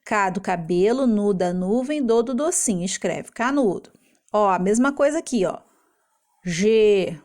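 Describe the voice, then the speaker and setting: A woman teacher explaining a homework lesson to young children in Brazilian Portuguese, patient and slow, sounding out syllables. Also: medium pitch, expressive, a little mellow.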